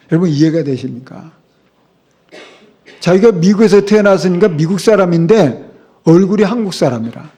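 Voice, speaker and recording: A middle-aged man delivers an emphatic sermon as pastor in a church sanctuary, posing rhetorical questions to his listeners. His voice sits high, mellow, with a slight roughness.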